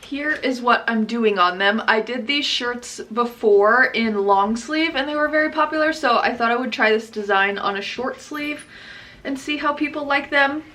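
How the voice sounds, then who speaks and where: A woman's voice: on the high side, normal speed, bright, forceful tone, poor audio. A young woman chatting casually to camera in her shop as a vlogger, upbeat and laughing often. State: out of breath. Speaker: vlogger and small business owner. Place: her print shop, indoors.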